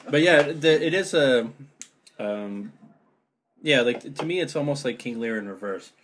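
A man in a casual literary discussion, energetic and thinking aloud. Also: mid-range voice, unhurried.

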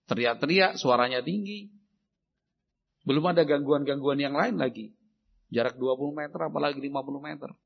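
A man preaching a sermon on parenting, acting out shouted exchanges between parent and child in an animated way. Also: mid-range voice, moderate pace, creaky, long pauses, slightly rough. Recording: dull lo-fi recording.

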